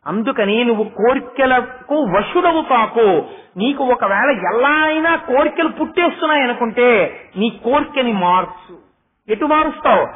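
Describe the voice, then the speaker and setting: A middle-aged man giving a religious discourse, telling stories in an animated way and putting rhetorical questions to his listeners. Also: very high-pitched. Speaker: spiritual discourse speaker. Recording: tinny phone-like sound.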